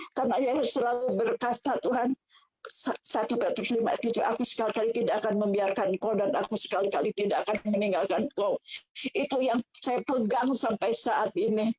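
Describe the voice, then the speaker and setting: An older woman, telling a personal church testimony in an emotional, halting way with many restarts. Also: on the high side, a little mellow, rough recording. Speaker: church member giving testimony.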